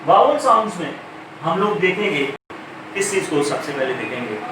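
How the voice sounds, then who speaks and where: A man gives an English pronunciation lesson, his voice a touch higher than most. He explains patiently, pausing on fillers and correcting himself as he goes. He sits far from the mic in a very echoey room with a clear hum of background noise. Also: very animated. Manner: explains slowly with many fillers and self-corrections. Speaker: English teacher. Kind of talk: recorded pronunciation lecture.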